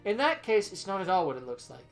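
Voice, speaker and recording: A man's voice: sits high, big pitch swings, fast, pitched above the performer's own voice. Man playing a shifty, sheepish small-time thief over music. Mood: defensive, sheepish. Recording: music behind the voice.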